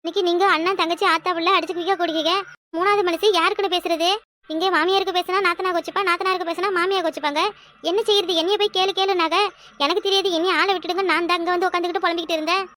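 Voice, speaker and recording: A woman voicing a shrill, fretful village wife. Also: fairly even intonation, rapid-fire, bright, forceful tone, a little hiss or hum. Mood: lamenting. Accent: southern Tamil, Kanyakumari. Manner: complaining, lamenting, exclaims to herself. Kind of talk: cartoon voice acting.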